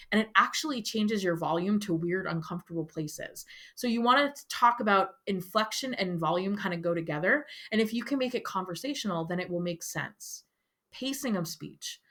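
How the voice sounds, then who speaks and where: A woman's voice: medium pitch, a bit bright. A woman teacher giving a firm, instructive lecture to her students. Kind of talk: classroom lecture.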